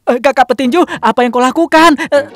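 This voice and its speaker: A woman's voice: high voice, moderate pace, lightly acted. A woman voicing a skinny, fretful cartoon man who protests, with music behind. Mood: protesting. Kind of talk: dubbed cartoon acting.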